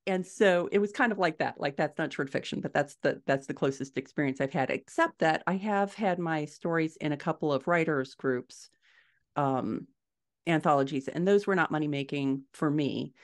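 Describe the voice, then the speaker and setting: Talking over a video call on a desktop mic from her home, a middle-aged American author chats as a podcast guest in a low voice at normal speed. The interview is casual, and she thinks aloud while explaining.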